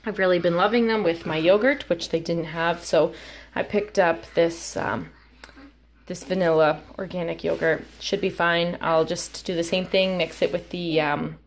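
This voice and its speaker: Filming a home vlog on a handheld camera she holds, a young woman narrates her grocery haul unscripted, sounding casual and a bit hesitant. Her fairly low voice stays steady at a normal pace, with clear background noise and handling clicks audible indoors.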